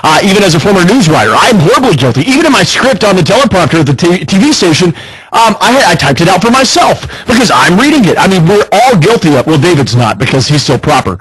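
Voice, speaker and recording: A man co-hosting a casual radio chat, joking and lively, a former news writer. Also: high voice, quick pace, husky, poor audio. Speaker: radio co-host.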